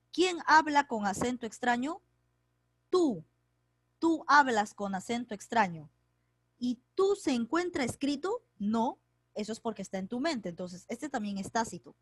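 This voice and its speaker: Woman teacher on a video-call lesson, higher voice, dry, patient question-and-answer drilling. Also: no room sound. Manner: calls on pupils by name, asks and answers her own questions. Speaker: secondary school teacher. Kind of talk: online class explaining grammar. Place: home, online class. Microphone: computer mic on a video call.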